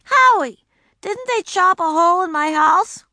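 A woman reading aloud, voicing an indignant, proud first-grade girl who shouts and insists. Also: extremely high pitch, lively intonation, measured pace, no room sound, pitched above the performer's own voice, full character voice. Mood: insistent.

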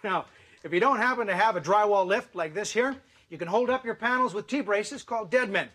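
Man playing high-pitched earnest American handyman assistant. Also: brisk, natural voice. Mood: earnest, dry. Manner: earnest explaining with dry retorts. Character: earnest, mild-mannered handyman's TV show assistant. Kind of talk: sitcom acting. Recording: noisy studio with audience.

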